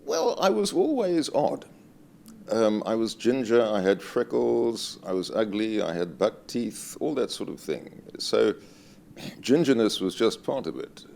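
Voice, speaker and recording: Older man with a gravelly lively voice. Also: on the low side, a little slow. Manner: dry, self-deprecating, animated storyteller. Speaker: interviewee, retired invigilator.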